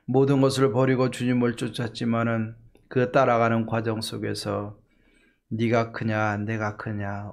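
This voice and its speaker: A man's voice: medium pitch, creaky. A male pastor preaching an early morning sermon, emphatic and full of rhetorical questions.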